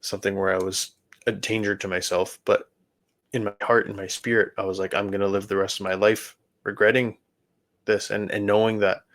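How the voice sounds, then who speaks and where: A man hosting a podcast, telling his personal faith testimony in an earnest, halting way with many restarts. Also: lowish voice, flat delivery, a bit bright. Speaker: podcast host.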